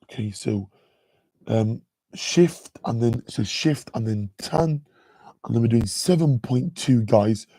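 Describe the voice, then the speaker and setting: A deep-voiced man with a dark tone speaks slowly and expressively in a dry recording while giving a live maths revision lesson. As a chatty tutor, he laces his speech with "okay" and "guys."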